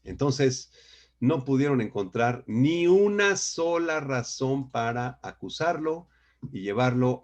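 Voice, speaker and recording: A man's voice: medium pitch, a little mellow. A man teaching a Bible lesson over a video call, emphatic and often checking in with his listeners. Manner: emphatic, frequent rhetorical "¿sí?" checks. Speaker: pastor teaching a Bible class. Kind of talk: online Bible lecture.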